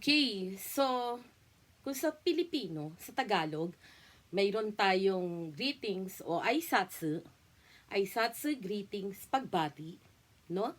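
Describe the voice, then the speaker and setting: A young Filipino woman teaching a casual language lesson, chatty, and repeating each word slowly for her learners. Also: medium pitch, animated. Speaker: language tutor.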